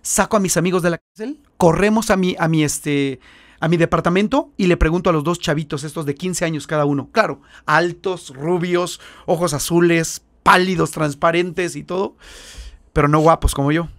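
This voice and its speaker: A Mexican man with a Mexican accent, a missionary guest, telling his stories in an animated way and acting out the voices. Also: fairly high pitch, normal speed, dry recording. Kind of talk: storytelling in an interview.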